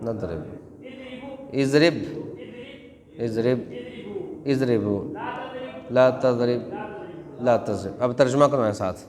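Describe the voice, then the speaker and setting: A man's voice: medium pitch, slow pace, pauses often, crowd noise. A man teaching a Quran class in a mosque, chanting verb conjugations in a rhythmic classroom drill. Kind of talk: classroom Arabic grammar drill. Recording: long hall reverb.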